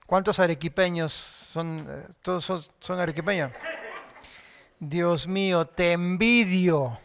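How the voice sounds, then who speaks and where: Un predicador nacido en Argentina que da un sermón conversado y bromista ante una congregación. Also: male voice, high-pitched, takes it slowly, clean tone. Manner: warm, chatty, jokes with the congregation. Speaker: preacher. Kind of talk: sermon.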